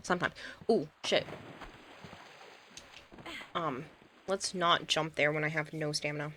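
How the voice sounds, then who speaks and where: Lady streaming a game, kinda low voice, rambles to chat and laughs a lot. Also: steady tone, unhurried, pushed and bright. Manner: chatty, rambling, laughs easily. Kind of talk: casual gameplay commentary and chat reading.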